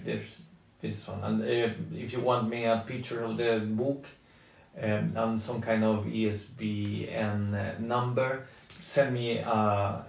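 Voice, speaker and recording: A middle-aged man from Spain talks in English, stopping often with ums and restarts as he chats on a live stream. His voice is low with a gravelly edge. He sits a little back from the mic in an echoey room. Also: recorded from a distance. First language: Spanish. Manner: halting, many ums and restarts. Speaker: toy designer on a live stream. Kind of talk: casual live stream chat.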